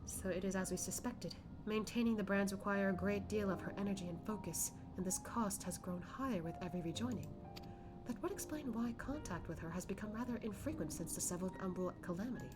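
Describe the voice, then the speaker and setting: Earnest fantasy scholar, read by a woman over loud music. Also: mid-range voice, brisk, close to an everyday voice. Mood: grave, pondering. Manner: stately, old-fashioned phrasing. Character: formal, archaic-spoken fantasy scholar companion, earnest and measured. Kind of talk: reading game dialogue aloud. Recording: loud game music behind.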